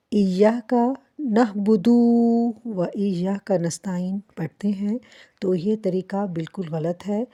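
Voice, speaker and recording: A woman teaching recitation, explaining common mistakes and slowly demonstrating the correct pronunciation. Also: mid-range voice, warm tone. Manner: slow, careful demonstration of recitation. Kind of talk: instructional explanation.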